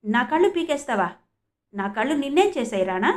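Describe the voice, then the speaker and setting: A woman voicing a sharp-tongued young student who answers back defiantly and firmly. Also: high-pitched, animated, brisk, pitched above the performer's own voice. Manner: cutting, defiant, retorting. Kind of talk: audiobook character reading.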